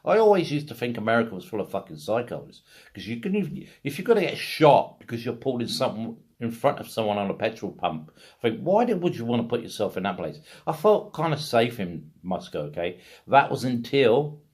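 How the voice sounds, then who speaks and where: A middle-aged British man talks casually in the style of a video blogger recounting his own experiences, rambling yet blunt and emphatic, swearing freely along the way. His medium-pitched voice swings widely in pitch, moves fairly quickly, and has a darkish, slightly rough tone.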